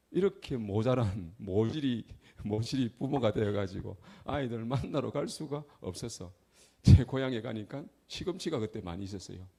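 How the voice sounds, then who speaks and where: Middle-aged Gyeongsang-accented preacher, gravelly and emphatic, telling a personal testimony with loud and soft swings. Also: male voice, mid-range voice. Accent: Gyeongsang Korean. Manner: emphatic storyteller, swings between loud outbursts and soft asides. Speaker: traveling minister.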